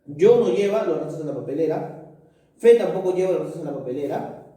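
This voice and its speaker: A male teacher going through school exercises aloud, moving briskly through the answers and often checking in with the listener with quick tag questions. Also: a little high, expressive, dark tone, far from the mic. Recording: echoey room, voice off-mic.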